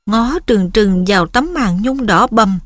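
A woman narrating a storybook as an audiobook reader, in a steady, expressive storytelling manner. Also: medium pitch, a little slow, no echo, clean studio sound. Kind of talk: storybook reading.

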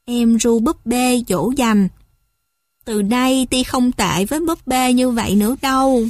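A woman gently reading children's stories aloud as a storyteller. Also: on the high side, measured pace, dry recording, studio quality.

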